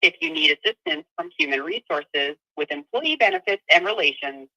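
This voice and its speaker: Recorded phone menu woman, bright and lively. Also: on the low side, no room sound, highs cut off. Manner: slow, evenly spaced prompts. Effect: recorded phone menu message played over a call. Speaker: automated phone line greeting. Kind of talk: prerecorded phone menu prompts.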